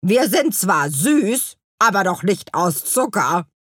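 A woman's voice: medium pitch, big pitch swings, takes it slowly, a bit bright, slightly rough, no room sound, studio quality, heavily acted. A woman voicing a cheeky little male gnome who teases his friend. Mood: teasing.

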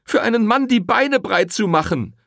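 A man reading an audiobook, voicing a furious, defiant young woman who shouts her accusations. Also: high voice, animated, moderate pace, vocal fry, no room sound, clean studio sound, voice pushed up, heavily acted. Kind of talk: audiobook character voice.

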